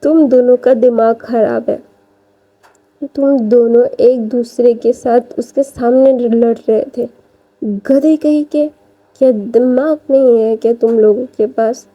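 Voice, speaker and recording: A woman's voice: on the high side, fairly even intonation, takes it slowly. A woman voicing a furious, protective man who scolds and insults his grown sons in a fan story reading. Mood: furious scolding. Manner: shouting insults. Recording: dull lo-fi recording.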